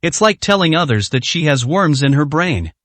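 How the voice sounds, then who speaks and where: A man's voice: a little high, big pitch swings, moderate pace, fairly bright tone, no room sound. A man voicing an anxious young woman whose voice trembles slightly. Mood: worried. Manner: trembling and worried.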